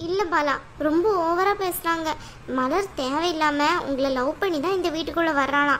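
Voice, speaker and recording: A woman voicing an upset, sharp-tongued young wife in a cartoon. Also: sits high, moderate pace, a little hiss or hum. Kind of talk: cartoon voice acting.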